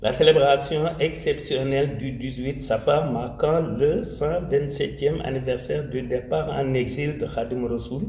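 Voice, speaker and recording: Speaking at medium pitch with a dark tone, a religious community speaker with a Senegalese French accent gives a formal commemorative address, solemn and emphatic. He repeats key phrases and slips Wolof phrases into his French, heard with a roomy echo and faint ambient noise.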